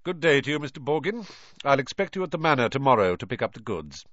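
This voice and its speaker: Storybook villain: man voicing a disdainful aristocrat, clipped and cold, lively pitch. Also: fast, no echo, dull audio. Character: cold haughty aristocratic wizard father.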